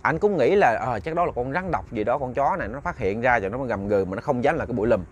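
A man's voice: medium pitch, lively intonation, quick pace, slight background noise. A man with a Southern Vietnamese accent telling a ghost story, chatty and talking straight to his listeners. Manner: chatty, addresses listeners directly.

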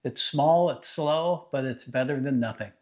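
Unhurried man showing garage tools. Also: mid-range voice, background noise. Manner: plain, practical, unhurried explaining. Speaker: DIY mechanic channel host. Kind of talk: casual product demo. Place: home garage.

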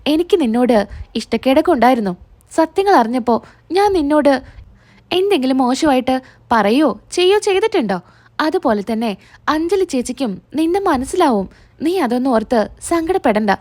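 A woman's voice: sits high, expressive, a little fast, darkish tone. A woman reading out a caring young husband, reassuring. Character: caring young husband comforting his wife.

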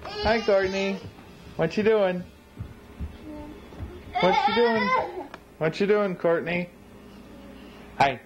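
A man's voice: high voice, wildly swooping pitch, slow, long pauses. A man filming his family, asking a toddler playful, coaxing questions in casual chat, heard through a camcorder mic. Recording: muffled noisy 1990s camcorder audio.

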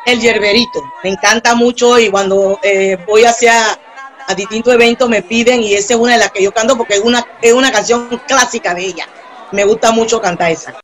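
A salsa singer with a Peruvian accent from Lima and a strong, powerful voice, chatting freely in an interview with many restarts. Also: female voice, on the high side, fairly even intonation, a little fast. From Peru. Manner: chatty, with frequent restarts and fillers. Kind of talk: casual interview chat.

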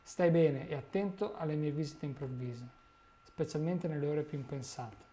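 Man voicing an old wizard, grave, cautious, warning, mellow tone, storybook reading. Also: a little high, normal speed, lightly acted. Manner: earnest warning tone.

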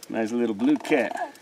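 Dude in his 30s filming himself catfishing from a boat, drawls slow, bit of wind noise outside. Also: mid-range voice. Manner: excited exclamations, laughs often, talks to viewers as guys. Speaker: fishing channel host. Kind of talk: casual outdoor fishing vlog commentary. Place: small boat on a muddy river among reeds, outdoors.

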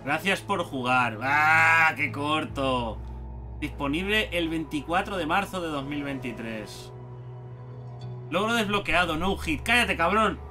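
A man with a Spain Spanish accent commentates a video game as he plays, cursing and yelling at what happens on screen. His voice sits a little high and his pace is slow. Loud game music plays behind him. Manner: excitable, swears and shouts at the game. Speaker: gaming YouTuber. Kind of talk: let's play commentary.

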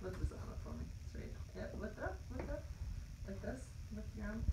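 A woman's voice: medium pitch, animated, a little fast. Clinic woman in a very noisy room. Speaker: dental surgery nurse or assistant. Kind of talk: casual aftercare instructions to patient and family. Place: small dental clinic room. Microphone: phone camera across the room. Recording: echoey, distant phone, loud room noise.

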